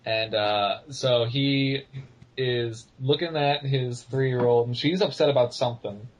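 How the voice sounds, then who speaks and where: A man's voice: mid-range voice, steady tone, a little slow, rough recording. A teenage boy telling an anecdote in a casual podcast chat, hesitant and full of "like". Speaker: podcast co-host.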